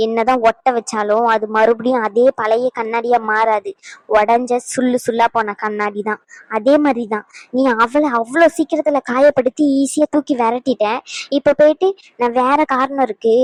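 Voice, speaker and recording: A woman's voice: a little high, no room sound, close to an everyday voice, poor audio. A woman voicing a stern, scolding elder sister. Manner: sharp, scolding, lecturing. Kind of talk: animated drama dialogue.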